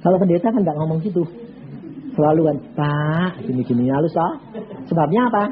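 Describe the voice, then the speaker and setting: Blunt, animated preacher man. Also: fairly high pitch, a little fast, phone-quality sound, a crowd in the background. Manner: blunt, animated storytelling, acts out both sides of dialogues. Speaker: evangelist preacher. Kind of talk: sermon with acted-out anecdotes.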